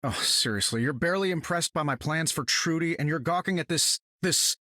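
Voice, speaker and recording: A man's voice: on the high side, fairly quick, pushed and bright, no room sound, studio quality. A man voicing a confident, wisecracking inventor superhero in a video game, wry and casual. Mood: breezy, confident. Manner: wry, casual, self-assured. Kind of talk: video game character acting.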